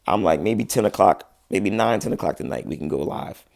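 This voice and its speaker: Low, gravelly, and darkish in tone, this man speaks animatedly and a little fast in a dry recording. A musician in his thirties, he chats casually with livestream viewers in relaxed slang, mentions his voice is giving out, and often restarts.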